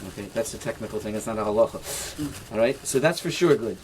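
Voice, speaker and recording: Rabbi explaining knots step by step. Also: male voice, lowish voice, fast talker, a little mellow, slight background noise. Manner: explains step by step, often checks with "right?"; mixes Hebrew and Yiddish terms into English. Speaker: rabbi teaching a class. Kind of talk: informal halacha lesson with demonstration.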